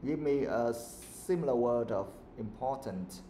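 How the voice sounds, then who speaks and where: Thầy giáo giọng việt dạy tiếng anh trên lớp, hỏi bài học sinh liên tục, phòng vang vang hơi ồn. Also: male voice, mid-range voice, expressive, takes it slowly, warm tone. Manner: quizzing students, switching between English and Vietnamese. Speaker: English teacher. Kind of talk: live classroom lesson. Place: classroom. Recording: echoey room with faint background noise.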